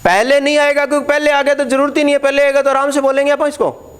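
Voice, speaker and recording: High-voiced man teaching Hindi letters. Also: level tone, quick pace. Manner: explains patiently, repeats key words, asks the class questions. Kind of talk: classroom lesson at a board.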